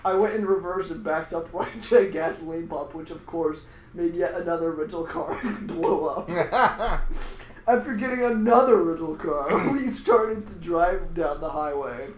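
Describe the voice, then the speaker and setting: A man with a fairly high voice reads a ridiculous story aloud as a comedy podcast host, cracking up with laughter between lines. The room is echoey with faint noise behind. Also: measured pace. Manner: breaks into laughter while reading.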